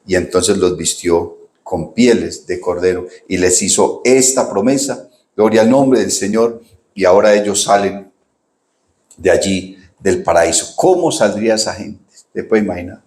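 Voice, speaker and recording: Animated preacher in an echoey room. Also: male voice, low-pitched, normal speed. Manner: animated preaching, rhetorical questions, often says "hermano". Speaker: pastor. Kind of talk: sermon.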